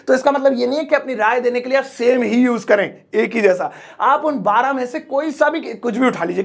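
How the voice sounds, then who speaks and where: A man teaching in a lesson, repeating each phrase slowly and switching to quick, playful everyday examples. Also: very high-pitched, gravelly. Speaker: English teacher. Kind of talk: spoken language lesson.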